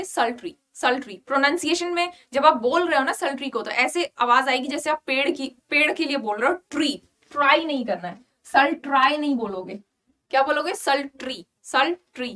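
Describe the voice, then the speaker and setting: A woman with an Indian accent teaching an exam-prep vocabulary lesson, mixing Hindi and English and often checking "clear?". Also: sits high. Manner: lively, repeats "clear?" to check understanding. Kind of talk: online class lesson.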